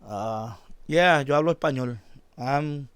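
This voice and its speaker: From his basement at home, a Puerto Rico-born, Bronx-raised man of fifty chats casually on his live stream about shortwave radio, rambling and repeating phrases in a New York accent. His medium-pitched voice is a bit bright and clean, at a measured pace, in a dry recording.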